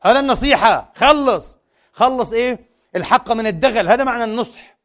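A man preaching a sermon, switching between formal in a lively, animated manner. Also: very high-pitched, a little fast. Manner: animated, mixes formal Arabic with colloquial dialect, acts out quoted voices.

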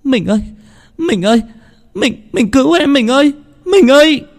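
A man voicing a frightened young peasant wife in high falsetto, shrill and pleading. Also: very animated, slow pace, darkish tone, full character voice. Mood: screaming.

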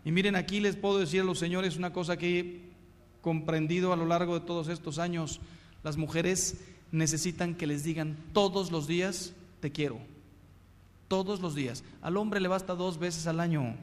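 A middle-aged Mexican man, a priest, giving a humorous sermon with lively, punchy storytelling in a hall. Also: high voice, normal speed. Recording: long hall reverb.

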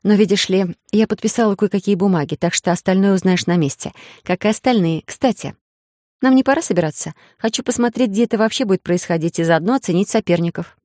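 A woman's voice: medium pitch, fast, darkish tone, no echo, studio quality, close to an everyday voice. A woman voicing a playful, cunning young heroine in a romance audiobook, coy and teasing. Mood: coaxing.

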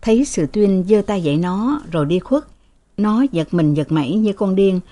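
A woman narrating a novel in an even, measured storytelling manner. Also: medium pitch. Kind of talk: reading a novel aloud.

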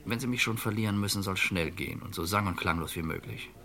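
In an old radio crime drama, an actor voices a middle-aged fugitive who is calm and resigned, speaking in a measured, reflective way. His voice is male and low-pitched, with a resolved, subdued mood.

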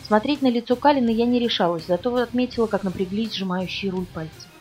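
Fast-reading woman narrating an audiobook. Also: fairly high pitch, darkish tone, faint music behind. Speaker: audiobook reader. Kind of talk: first-person novel narration.

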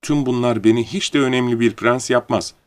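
A man voicing a gentle, curious little boy prince who speaks politely and wistfully. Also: mid-range voice, fairly even intonation, fairly quick, lightly acted. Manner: polite, wondering, softly pleading.

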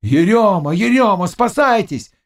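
A man doing shouting peasant men. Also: a little high, big pitch swings, measured pace, pitched above the performer's own voice, heavily acted. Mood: alarmed. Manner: raised, urgent shouting.

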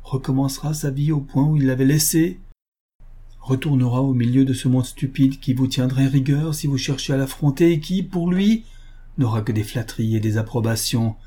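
An earnest, loyal nobleman from a romance audiobook, as the narrator plays him. He speaks with an impassioned, serious drive in a dark, husky voice. The reading stays close to the narrator's own tone. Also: mid-range voice, steady tone, moderate pace, lightly acted. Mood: indignant.

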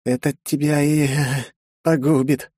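A man's voice: a little high, flat delivery, takes it slowly, warm tone, no echo, studio quality, pitched above the performer's own voice. A man voicing a cackling, spiteful female villain. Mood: mocking. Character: cruel mocking female villain, giggling.

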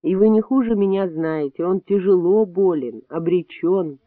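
Man playing a calm firm doctor. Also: high voice, normal speed, no echo, natural voice. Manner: quiet, weighty, reasoning. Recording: dry, tinny phone-like sound.

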